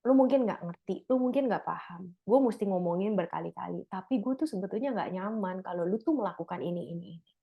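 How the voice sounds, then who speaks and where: A woman's voice: medium pitch, fast, vocal fry, few pauses, slightly rough, narrow, tinny audio. A middle-aged woman speaks in a loose, chatty way to a church group. She slips into slang and laughs often. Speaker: speaker at a church couples' fellowship. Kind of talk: casual talk to a group.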